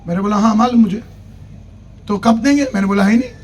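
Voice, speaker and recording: A man's voice: high voice, fast talker, slight background noise. A man preaching at a church convention, telling a humorous personal story, acting out the dialogue and urging the congregation to clap. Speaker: pastor. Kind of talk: sermon.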